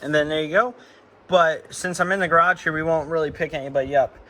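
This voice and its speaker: In a garage, a man films a slightly noisy home video at a car, with handling clicks audible, as he shows how to install a CB radio. His voice is a little high and steady, bright and forceful, and he talks quickly. It's a casual, informal tutorial delivered while his hands stay busy.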